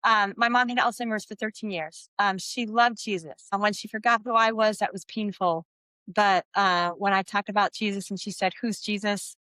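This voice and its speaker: A middle-aged woman from the US West Coast, a podcast guest telling a heartfelt personal faith story and slowing down for emphasis. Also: mid-range voice, fairly even intonation, bright, forceful tone, no echo. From Santa Barbara, US.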